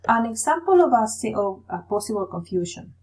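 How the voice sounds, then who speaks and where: A woman's voice: fairly high pitch, big pitch swings, fairly quick, darkish tone, breathy edge, poor audio. A woman teacher giving a recorded Spanish grammar lesson, explaining patiently step by step and checking in with "right?".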